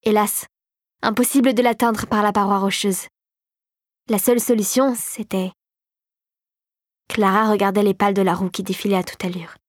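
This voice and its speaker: A woman narrating an adventure storybook in a dramatic, expressive way. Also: medium pitch, moderate pace, pauses often, dry recording, studio quality.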